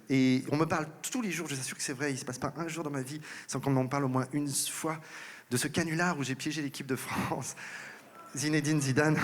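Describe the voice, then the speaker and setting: A male comedian telling a lively story to an audience on stage, acting out the voices of the people in it. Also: mid-range voice. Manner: lively anecdote telling, acts out quoted voices. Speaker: comedian and impressionist. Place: large concert hall stage. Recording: live hall reverb. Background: audience laughter.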